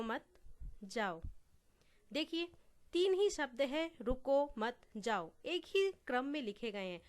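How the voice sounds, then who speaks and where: Woman teacher with a slightly raised pitch, slow and careful, repeating each example for her students. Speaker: Hindi teacher. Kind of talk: online grammar lesson.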